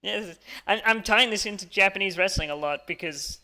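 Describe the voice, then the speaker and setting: A man's voice: sits high, moderate pace, pushed and bright. A man co-hosting a podcast, chatting eagerly and stumbling over the starts of words. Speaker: podcast co-host. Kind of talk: casual chat about wrestling.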